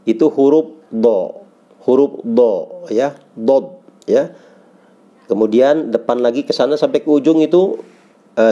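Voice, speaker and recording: Mellow-voiced Indonesian man teaching pronunciation. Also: medium pitch, muffled recording. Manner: patient, repeats syllables slowly for learners. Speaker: Quran recitation teacher. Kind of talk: relaxed teaching of Arabic letter sounds.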